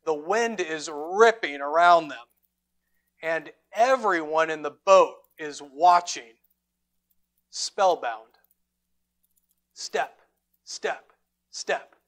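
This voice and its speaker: A man preaching a sermon as pastor, retelling a scripture story with dramatic emphasis and deliberate pauses. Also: on the high side, a bit bright. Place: church sanctuary.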